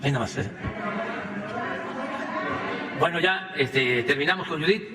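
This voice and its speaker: A Mexican man giving a press conference as president, speaking in a measured way with frequent pauses and fillers. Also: fairly high pitch, loud music behind the voice. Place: large conference hall. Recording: long hall reverb, faint background noise.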